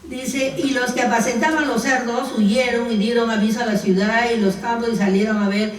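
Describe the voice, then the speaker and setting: A woman's voice: on the high side, fairly even intonation, moderate pace. A woman leading a Bible study who directs the group to verses and asks her listeners questions. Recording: roomy room, distant mic.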